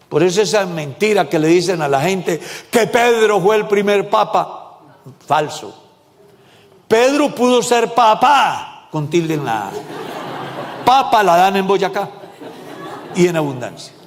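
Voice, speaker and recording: A male pastor preaching a sermon, animated, joking and calling out questions to his congregation. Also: high voice, big-room sound. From Colombia. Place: church hall.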